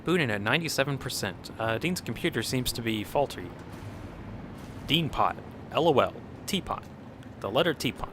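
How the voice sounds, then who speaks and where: A man with a medium-pitched, expressive voice at a moderate pace gives casual gameplay commentary on stream, rambling, reacting to chat and often chuckling. He's a bit nasal from a cold, and the background is noisy with game music.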